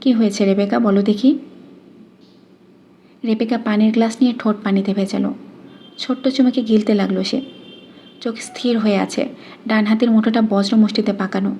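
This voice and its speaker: Mellow-voiced woman narrating an audiobook. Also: medium pitch, steady tone, fairly quick, a little hiss or hum.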